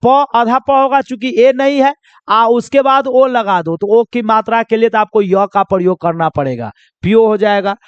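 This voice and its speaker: An extremely high-pitched man with a clean tone leads a pronunciation lesson, heard in lo-fi audio with no room sound. He slowly spells out words, raises questions only to answer them himself, and goes back over key points.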